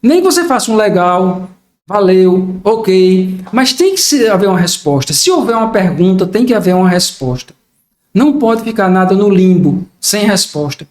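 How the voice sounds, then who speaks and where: A man's voice: sits high, sing-song, normal speed. Older man explaining in an echoey room. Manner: reflective, explains with acted-out examples. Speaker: podcast guest. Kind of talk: casual podcast conversation.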